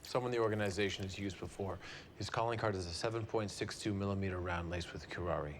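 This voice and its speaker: A man's voice: low voice, fast, slight background noise, close to an everyday voice. A man acting in a TV drama as a guarded, wry young wealthy man with a secret agenda. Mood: grim, controlled. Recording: dramatic score under film dialogue.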